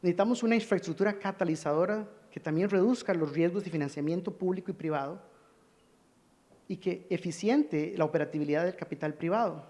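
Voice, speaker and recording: In a high, darkish-toned voice, a man from Costa Rica presents fairly quickly at a conference, earnest and pressing as he asks for the next slide. The hall gives the recording a long reverb.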